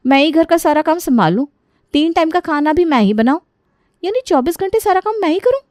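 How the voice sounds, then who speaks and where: A woman's voice: very high-pitched, expressive, fairly quick, a little mellow, no echo, clean studio sound, pitched above the performer's own voice. A woman voicing a stubborn, chatty young woman in a cartoon story. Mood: dismayed. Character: stubborn young woman, picky about in-laws.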